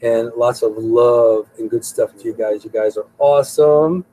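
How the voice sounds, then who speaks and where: A man's voice: mid-range voice, moderate pace, dark tone, rough recording. A middle-aged man hosting a live show in a casual, rambling way, often repeating his words. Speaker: host. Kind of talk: casual live-stream talk.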